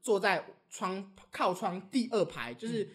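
A young man, co-hosting a podcast and telling stories in casual, animated chat. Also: sits high, a little slow. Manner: animated storytelling, often laughing. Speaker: podcast co-host.

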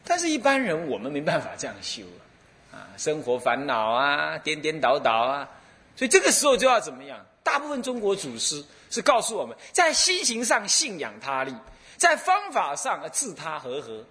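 这是一位台湾口音的住持和尚在开示佛法，声音高亢清亮。他的语调抑扬顿挫，讲故事风趣活泼。. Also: male voice, on the high side, normal speed. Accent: Taiwanese Mandarin. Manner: lively, humorous storytelling. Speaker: Buddhist abbot and lecturer. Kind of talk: dharma lecture.

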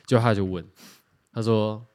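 A man's voice: on the low side, fairly even intonation, unhurried, a little mellow. A man with a Taiwanese Mandarin accent, co-hosting a podcast and telling a story in casual chat, laughing often and swearing casually. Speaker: podcast co-host.

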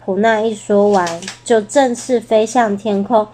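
A woman reading a children's picture book aloud in a gentle, expressive way. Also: mid-range voice, measured pace. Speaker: storyteller.

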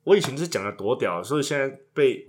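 A man's voice: medium pitch, lively intonation, fast. A man, co-hosting a casual chat and trading crude jokes. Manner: joking, crude banter. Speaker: podcast co-host.

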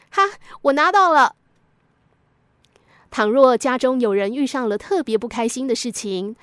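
Woman, podcast storyteller, scripted narration, gentle and reflective, dry close sound. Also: on the high side, no room sound.

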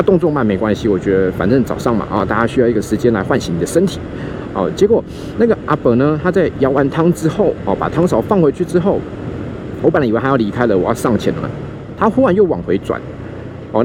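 A man with a Taiwanese Mandarin accent tells a story in a casual chat, animated and acting out the voices he quotes, while riding a scooter outdoors. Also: mid-range voice, fast talker. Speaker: podcast host. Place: outdoors on a motorbike in city traffic. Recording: faint street and vehicle noise.

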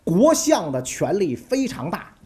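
A woman's voice: fairly low pitch, big pitch swings, a little slow, a little mellow. A woman telling history stories in a chatty, colloquial way, often asking the listener for agreement. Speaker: storyteller. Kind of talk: casual history storytelling.

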